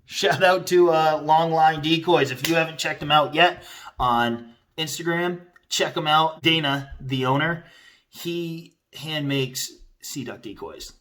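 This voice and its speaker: A man's voice: fairly high pitch, unhurried, fairly bright tone. A man giving a casual product review in a rambling, conversational, informal way.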